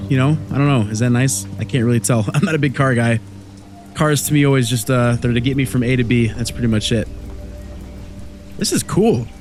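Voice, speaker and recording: At night in his room at home, a young man with a cold-stuffed, mid-range and slightly mellow voice hosts a let's play of a horror game. His commentary is casual, easygoing, chatty and rambling.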